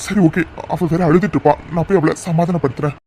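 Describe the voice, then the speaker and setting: A man's voice: fairly high pitch, steady tone, fast talker, music in the background, close to an everyday voice. A man voicing an anxious, stubborn middle-aged father in a cartoon drama, who repeats his words. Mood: exasperated.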